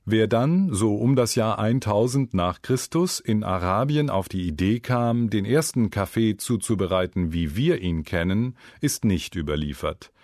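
A man with a low voice narrates an educational script for language learners. He tells it like a story, and his pitch rises and falls a lot. The sound is dry and close, like a studio booth. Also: a little slow, few pauses, no room sound. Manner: lively, storytelling delivery. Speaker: narrator of a German learning program.

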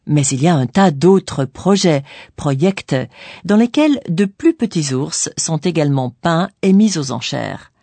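A woman narrating a scripted language course in a didactic way, pausing on key words. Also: deep voice, lively intonation, mellow, no room sound. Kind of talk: scripted bilingual explanation.

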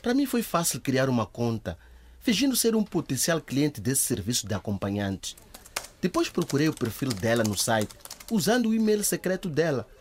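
A man's voice: mid-range voice, huge pitch swings, moderate pace, breathy edge. An actor playing a confident, knowing male IT investigator explaining findings in a radio drama. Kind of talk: scripted radio drama acting.

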